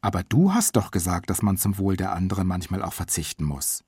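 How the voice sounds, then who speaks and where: A man reading his own audiobook in the calm voice of a guilty, earnest young boy. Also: deep voice, fairly quick, slightly rough, no echo, clean studio sound, voice pushed down.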